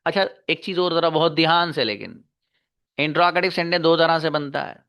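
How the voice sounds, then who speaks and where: A male teacher giving an online English grammar class, patiently repeating key slowly and calling on pupils one by one. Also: on the high side, creaky, pushed and bright, clean tone.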